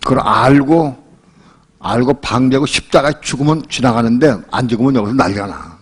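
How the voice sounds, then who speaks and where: An older male pastor preaching a sermon in a relaxed, colloquial way, telling a personal story and acting out the voices in it. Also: mid-range voice, brisk, slightly rough. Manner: colloquial storytelling, acts out quoted voices and laughs often.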